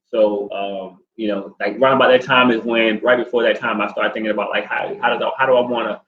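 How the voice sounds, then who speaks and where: A man in his forties co-hosts a casual chat with his partner, rambling in a laid-back way full of fillers. His voice is fairly low and steady, and he talks fairly quickly. The echoey room gives the recording a dull, lo-fi quality.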